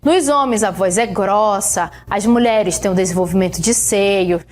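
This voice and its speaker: A woman's voice: medium pitch, a little hiss or hum. A woman teacher with a Brazilian Portuguese accent giving a recorded science lesson, explaining step by step and often checking in with her students. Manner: explains slowly, checks in with "né?" and "tá bom?".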